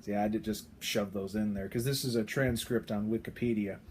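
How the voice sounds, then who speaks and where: A male video creator explains things casually to camera in a lowish, fairly even voice with a darkish tone, talking fairly quickly. He's chatty but hesitant, with frequent ums and restarts, and there's a slight hiss or hum in the recording.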